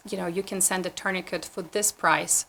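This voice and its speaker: Ukrainian-born woman on a tv interview, low gravelly voice, pretty flat, bit of hiss behind, earnest with lots of um and restarts. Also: fast. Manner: earnest, with frequent fillers and restarts. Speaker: guest. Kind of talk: conversational interview answers. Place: community TV studio.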